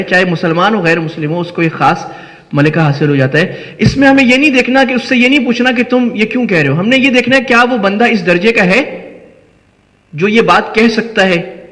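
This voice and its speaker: An Islamic scholar teaching hadith studies gives a classroom lecture with a Pakistani Urdu accent, explaining step by step and asking and answering his own questions. His voice is high-pitched and fairly bright, with long hall reverb.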